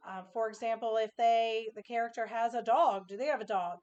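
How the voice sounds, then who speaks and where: A woman's voice: on the high side, fairly quick, darkish tone, muffled recording. A woman teacher giving an informal instructional presentation to parents, explaining with example questions.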